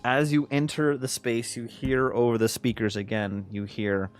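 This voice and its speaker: A man's voice: medium pitch, level tone, normal speed. A man casually narrating a live tabletop role-playing game as the game master. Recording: music behind the voice.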